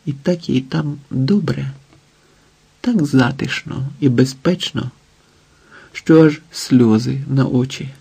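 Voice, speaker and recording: A man narrating an audiobook in a dramatic, measured way. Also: mid-range voice, vocal fry, warm tone, slightly rough.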